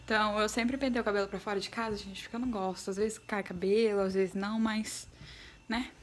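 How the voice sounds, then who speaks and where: A woman with a Brazilian Portuguese accent chats nervously to her viewers in a casual home vlog, filmed in the bathroom area on a phone set down nearby. Her voice is medium-pitched and brisk, with fairly even intonation.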